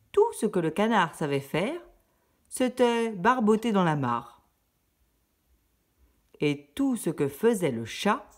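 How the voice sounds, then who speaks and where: A woman reading a storybook to children in a slow, expressive, singsong way. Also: medium pitch.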